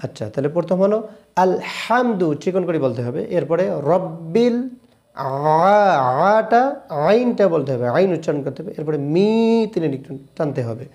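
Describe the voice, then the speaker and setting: A man with a Bangladeshi Bengali accent teaching correct Quran pronunciation, switching between brisk explanations and slow, drawn-out chanted recitation. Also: fairly high pitch, lively intonation, darkish tone. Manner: alternates quick explanations with slow drawn-out chanted Arabic phrases.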